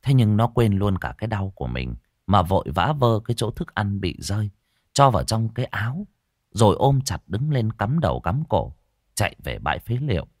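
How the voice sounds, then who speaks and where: Expressive male storyteller. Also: on the low side, no echo, clean studio sound. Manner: expressive, slow dramatic delivery. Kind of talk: scripted storytelling narration.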